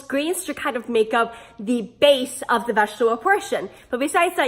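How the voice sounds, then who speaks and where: High-pitched, hoarse woman with a smoker's rasp. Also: a bit bright. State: sick. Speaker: pet care video host. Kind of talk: casual instructional vlog.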